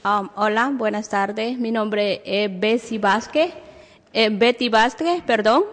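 A Honduran woman, a single mother, makes a personal plea during public testimony at a hearing, speaking unhurriedly in a fairly high voice with a Honduran Spanish accent. The hall is echoey, with a long reverb.

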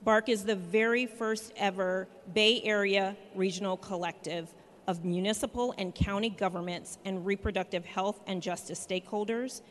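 An American woman delivering a scripted rally speech as an event leader, emphatic and declarative, with pauses for effect. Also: medium pitch, fairly even intonation. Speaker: coalition leader hosting a commemoration event. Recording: long hall reverb, background noise.

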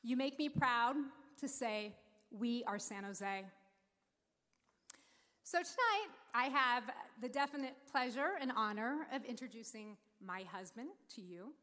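A woman with a fairly high voice gives a slow, heartfelt speech from a stage. The sound rings with the long reverb of a large hall. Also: fairly bright tone. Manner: heartfelt, slow and deliberate, getting emotional. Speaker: speaker introducing the mayor. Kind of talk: prepared speech at a civic celebration.

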